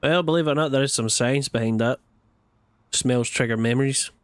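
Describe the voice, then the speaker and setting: A man's voice: medium pitch, a little fast, clear, resonant tone, no room sound. A man commenting as he plays a game, sarcastic and blunt with the characters. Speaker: gaming channel host. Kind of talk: let's play commentary.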